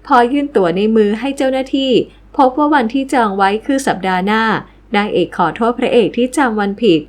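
A woman narrating a recap of a television drama in a steady storytelling read. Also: fairly high pitch, brisk. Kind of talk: scripted plot-recap narration.

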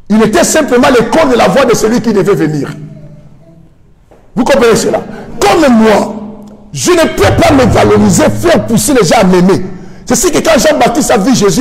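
A male preacher delivers an emphatic sermon in a high, very animated voice. He quizzes his listeners and answers for them, now and then lifting into a shout or a sung line. The sound rings with a long reverb, as in a large hall. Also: gravelly. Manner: emphatic, asks the congregation questions and answers himself; breaks into shouts and sung phrases.

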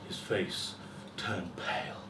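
A middle-aged man reads a dramatic first-person short story at a live festival, in a small lecture room with a seated audience. His measured, theatrical delivery is deliberate, full of pauses and swelling emphasis. A far-off camera mic captures him, so the sound is echoey and roomy with a faint hiss.

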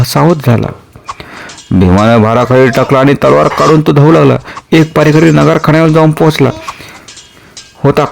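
A man's voice: fairly high pitch, vocal fry, a little mellow. A man reading a historical novel aloud as a storyteller, narrating dramatically and voicing the dialogue.

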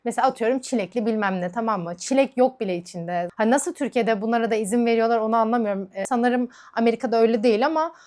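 A woman's voice: fairly high pitch, fast, few pauses, darkish tone. A woman vlogger chatting casually while doing her makeup, ranting in a heated, frank way. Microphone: camera mic.

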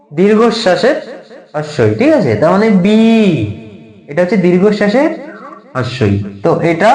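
A man's voice: sits high, a little mellow, roomy sound. A man teaching an English lesson in a casual video style, spelling words out letter by letter and repeating each point many times.

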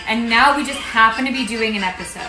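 A woman's voice: a little high, fast talker, roomy sound, over music, low-quality recording. A young woman co-hosting a comedy cooking show, tipsy and brash, chatting casually in a home kitchen. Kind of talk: drunk casual banter.

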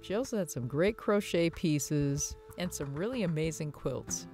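Gushing woman with a lively voice. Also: deep voice, unhurried. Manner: enthusiastic, gushing. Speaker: home decor vlogger. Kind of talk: casual shopping vlog voice-over. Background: soft guitar music.

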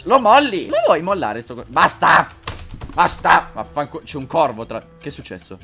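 A man's voice: a little high, wildly swooping pitch, brisk, a bit bright, soft background music. A man doing let's-play commentary, joking crudely, swearing often and talking straight to his viewers. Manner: talks to viewers directly. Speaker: gaming video host.

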